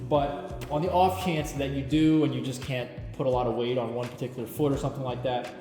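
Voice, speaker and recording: A man's voice: medium pitch, a little fast. Man talking in an echoey garage. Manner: relaxed, chatty, explanatory. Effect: big echoey room sound from a garage. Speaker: product reviewer. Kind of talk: casual unboxing walkthrough. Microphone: camera mic, lapel mic dead. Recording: echoey garage with music behind.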